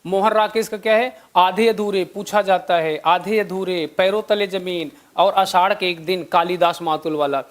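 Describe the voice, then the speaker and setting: A young man with a high voice runs a live online exam-prep class, quizzing his students and repeating each answer. Between questions he drops chatty asides. His intonation is fairly even, his pace moderate, and he barely pauses.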